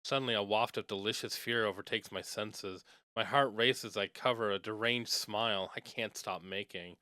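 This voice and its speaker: A man streaming, reading a visual novel aloud with expressive narration while sniffly with a cold. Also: fairly low pitch, moderate pace, no room sound. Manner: expressive narration, breaks off to joke and apologize. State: sneezing, stuffy nose.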